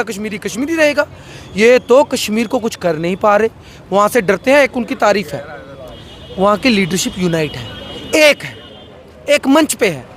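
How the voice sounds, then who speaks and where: A man's voice: extremely high pitch, a bit bright, a little hiss or hum. A man, a social activist, speaking with fiery, rhetorical passion in a political interview, repeating phrases for emphasis. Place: outdoors by a road.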